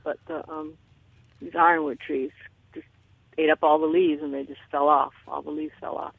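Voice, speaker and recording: A woman's voice: low voice, little pitch movement, moderate pace, gravelly, breathy edge, dry recording. An older woman from Mississippi with a Southern US accent, calling into a radio show over a clipped phone line, polite and rambling. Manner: polite, rambling, says "yes, sir" often. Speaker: radio caller. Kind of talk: casual call-in question. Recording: tinny, dry phone line.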